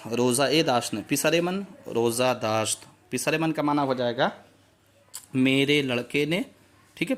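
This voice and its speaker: A man teaching Persian grammar word by word. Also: mid-range voice. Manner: repeats each word and its meaning slowly, drilling. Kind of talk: classroom grammar lesson.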